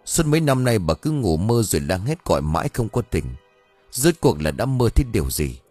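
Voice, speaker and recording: A man voicing a worried older husband, anxious and pleading, with soft music behind. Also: fairly low pitch, very animated, fairly quick, husky.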